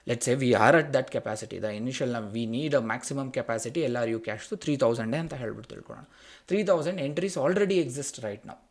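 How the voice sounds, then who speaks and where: A man's voice: medium pitch, a little mellow. A man with a Kannada Indian accent giving a casual technical tutorial, thinking aloud, mixing two languages and often checking in with short rhetorical questions. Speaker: programming instructor.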